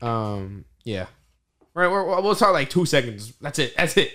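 A young man with a bright, forceful voice talks like a frat bro. He tells an animated story in loose, casual slang, swearing freely and addressing his friends as bro. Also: medium pitch, measured pace. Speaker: podcast host. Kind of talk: casual chat, animated anecdote.

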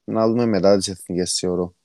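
A man's voice: low-pitched, steady tone, a little mellow, dry recording, studio quality. A man with a Cypriot Greek accent, giving his opinions as a panellist in a casual football discussion.

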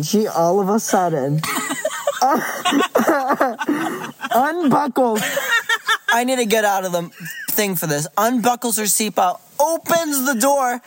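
A woman's voice: medium pitch, slight background noise. A young woman co-hosting a casual podcast, telling a story to the listener with lots of laughter. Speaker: podcast co-host. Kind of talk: casual chat. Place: inside a car.

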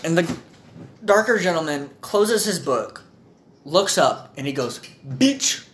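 A young woman co-hosting a podcast, telling a story in a rambling, profane, animated way. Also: low-pitched, a little slow. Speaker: podcast co-host. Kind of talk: casual storytelling chat. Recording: echoey room, faint background noise.

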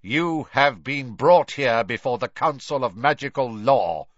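A man's voice: mid-range voice, animated, unhurried, dry recording. A man voicing a cold, stern official pronouncing judgment in a court, in a dull, dry recording. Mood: commanding. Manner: cold, commanding.

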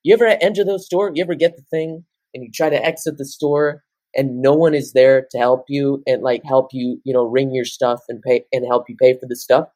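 A man in his late teens co-hosting a podcast, rambling through animated casual chat. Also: medium pitch, a little fast, dry recording. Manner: rambling, animated, jumps into loud off-key singing. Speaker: podcast co-host.

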